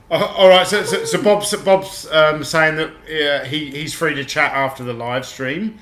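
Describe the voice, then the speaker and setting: Speaking slowly in a fairly high, steady voice that sounds pushed and bright, a British man hosts a casual livestream. He chats, reads viewer comments, laughs easily and auctions toys, recording in an echoey home room in Australia.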